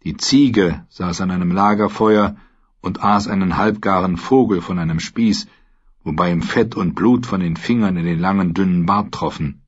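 A man narrating a fantasy audiobook with measured, dramatic delivery. His voice is low and husky. The audio sounds slightly dull.

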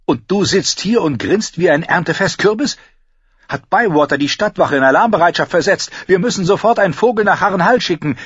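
A haughty noble queen from a fantasy audiobook speaks in a lifted, swooping voice, voiced by a male narrator. Her commanding, scornful tone carries a slightly husky grain. The recording is dull and dry. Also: a little high, very animated, moderate pace, no echo, voice pushed up. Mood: alarmed. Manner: commanding, scornful, breathless when thrilled. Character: proud, sharp-tongued noble queen, grown woman.

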